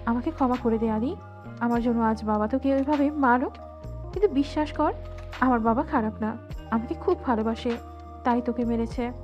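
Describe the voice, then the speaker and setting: A woman voicing a young woman in an audio love story, tearful and pleading. She speaks lower than her narrating voice and with a different timbre. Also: moderate pace, pauses often, a little mellow, dull audio, faint music behind, lightly acted.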